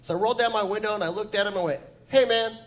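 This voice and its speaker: A man in his forties doing a loud, swearing, laid-back stand-up set. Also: high-pitched, racing, a little hiss or hum. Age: 40s. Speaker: stand-up comic.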